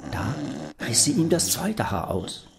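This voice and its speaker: A man reading a fairy tale aloud as a storyteller, in an expressive, unhurried manner. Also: a little high, gravelly, slight background noise.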